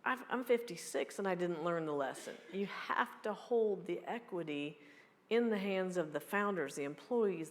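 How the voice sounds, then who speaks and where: A woman in her fifties giving a keynote and answering audience questions in a blunt, joking, fast-talking way. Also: mid-range voice. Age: 50s. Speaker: keynote speaker. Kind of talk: live Q&A at a meeting. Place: large hall. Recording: long hall reverb.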